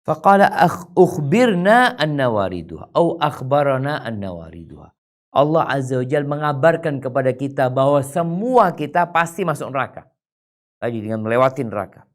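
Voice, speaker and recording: Male preacher, religious talk; recites Arabic lines, then explains them casually; voice swoops high and low, loud to soft. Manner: colloquial asides to the audience. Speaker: Islamic preacher. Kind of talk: religious lecture.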